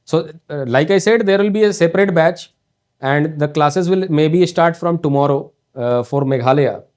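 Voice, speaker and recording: A North Indian man, a coaching teacher, lectures on exam topics in accented English. His voice sits a bit high for a man, and he talks in a halting way, full of fillers and restarts. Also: darkish tone. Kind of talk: online exam prep lecture.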